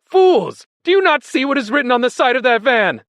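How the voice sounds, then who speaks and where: Frantic high-pitched shouting donkey. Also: male voice, sing-song, brisk, no room sound, clean studio sound, heavily acted. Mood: frantic, angry. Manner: shouting, agitated, urgent. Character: frantic male donkey, urgently warning the other animals.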